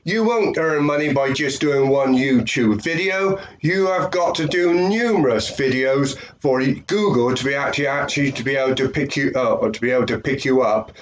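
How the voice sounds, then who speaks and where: The recording is muffled as an older UK man with a medium-pitched voice talks at normal speed, hardly stopping for breath. An affiliate marketer nasal from a head cold, he rambles on webcam in a small indoor room, repeating himself amid fillers.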